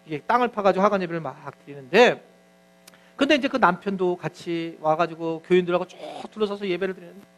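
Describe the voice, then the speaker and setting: A man's voice: high voice, fast. A male pastor giving a sermon, telling stories animatedly and acting out what people said. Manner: animated storytelling, acts out quotes.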